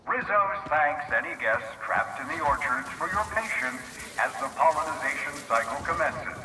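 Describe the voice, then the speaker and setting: Loudspeaker announcer echoing through a facility. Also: male voice, a little high, animated, moderate pace. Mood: announcing. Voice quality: formal, courteous, matter-of-fact. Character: polite corporate male facility announcer. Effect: public address loudspeaker. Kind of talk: scripted public announcements. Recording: distant echoey loudspeaker with background noise.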